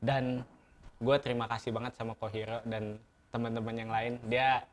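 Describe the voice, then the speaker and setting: A man's voice: mid-range voice, little pitch movement, moderate pace, a little hiss or hum. A man with an Indonesian accent chatting casually as an interview guest, with a lisp that blurs his r sounds. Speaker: barista competition champion, interview guest. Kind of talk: casual chat.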